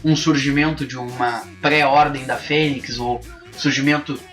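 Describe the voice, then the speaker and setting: A man's voice: mid-range voice, steady tone, normal speed, a bit bright, faint music behind. Man reviewing a film. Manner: thinking aloud with frequent restarts. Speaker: podcast host. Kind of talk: casual film review chat.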